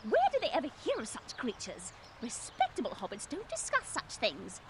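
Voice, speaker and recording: A woman's voice: fairly high pitch, huge pitch swings, moderate pace, background noise. A woman voicing a prim, disapproving, respectable hobbit mother in a video game. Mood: prim disapproval. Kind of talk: video game character acting.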